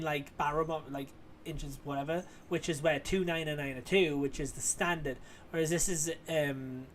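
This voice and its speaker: A man's voice: fairly high pitch, a little hiss or hum. Chatty man explaining things casually. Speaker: streamer.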